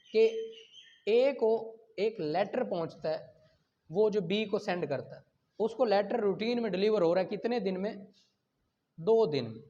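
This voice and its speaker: His voice is high and a little mellow, and he speaks with a Pakistani accent while teaching law. He reads statutes and then explains them, posing rhetorical questions and confirming students follow, all on a dull lo-fi recording.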